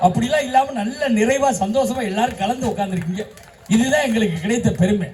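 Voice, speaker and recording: A man who is a schoolteacher and debate moderator, telling jokes in a humorous stage speech and shouting his punchlines. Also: extremely high pitch, fast talker, recorded from a distance, a little hiss or hum. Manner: joking storyteller, bursts into shouted punchlines.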